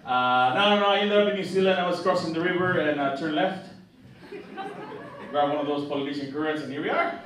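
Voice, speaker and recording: A young Mexican-accented comedian with a highish voice and a fairly quick pace does stand-up on a theatre stage, chatty and loose, tripping over restarts and laughing at his own jokes. The mic is distant in an echoey, noisy hall.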